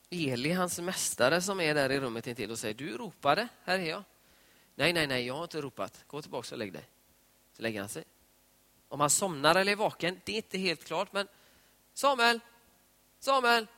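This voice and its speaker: Man, preacher, informal devotional talk, chatty storytelling, bright tone, long hall reverb. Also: sits high. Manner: conversational, retells scripture scenes in lively voiced dialogue.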